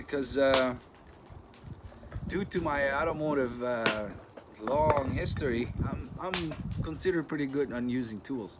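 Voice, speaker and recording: A man in his thirties speaks English with a Greek accent, talking plainly and without hurry to his channel's viewers, with non-native turns of phrase. His voice sits at a middle pitch. The recording carries steady noise and clicking sounds. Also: measured pace. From Greece. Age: 30s. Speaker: channel host. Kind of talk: casual talk to camera.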